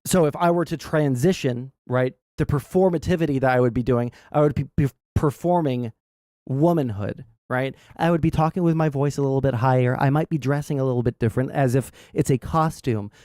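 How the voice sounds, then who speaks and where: Speaking in a mellow, medium-pitched voice, the host of this casual gaming stream stumbles bluntly through his points, cursing freely and tossing in "right?" again and again. It's studio-quality audio with no room sound.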